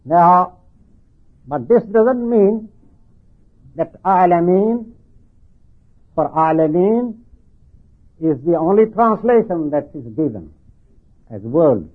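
An older man preaching and explaining scripture, deliberate and halting, repeating phrases, with slightly slurred lips-over-teeth articulation from artificial teeth. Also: high voice, sing-song, husky. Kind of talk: religious sermon explaining scripture. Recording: thin phone-like band-limited sound.

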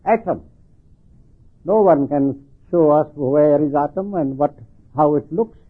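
An older man preaching and explaining scripture, deliberate and halting, repeating phrases, with slightly slurred lips-over-teeth articulation from artificial teeth. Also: on the high side, husky. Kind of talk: religious sermon explaining scripture. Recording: thin phone-like band-limited sound.

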